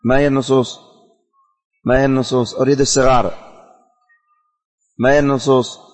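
A man's voice: medium pitch, little pitch movement, brisk. A male teacher leading a religious lesson, repeating questions and quizzing his students. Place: classroom. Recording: long hall reverb.

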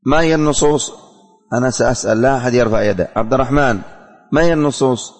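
A man's voice: medium pitch, quick pace. A male teacher leading a religious lesson, repeating questions and quizzing his students. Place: classroom. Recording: long hall reverb.

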